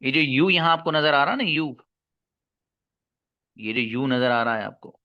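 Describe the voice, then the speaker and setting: A man teaching English grammar in an online lesson, slowly repeating key words and answering his own questions for his students. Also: mid-range voice, animated, muffled recording. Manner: calls listeners "babu" and "my friend".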